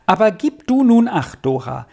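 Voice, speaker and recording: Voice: medium pitch, very animated, moderate pace, creaky, darkish tone, pitched above the performer's own voice. A reader voicing an earnest, somewhat proud boy in a storybook reading, who reproves his little brother indignantly.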